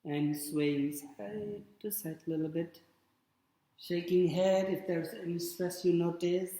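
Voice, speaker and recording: A man guiding a yoga class with calm, short spoken cues and pauses between them. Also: high voice. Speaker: yoga instructor. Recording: very echoey room with long reverb.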